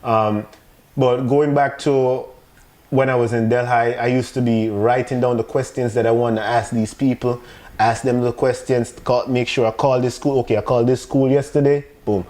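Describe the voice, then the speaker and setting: Mellow Jamaican-accented man telling his story. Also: mid-range voice, fairly even intonation, moderate pace. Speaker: podcast guest. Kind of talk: casual personal storytelling.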